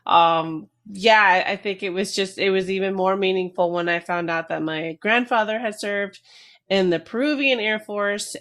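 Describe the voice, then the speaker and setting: With a fairly low, slightly bright voice, this middle-aged woman, a retired army veteran from New Jersey, USA, is a guest in a casual interview. She comes across as candid and reflective, hesitating now and then.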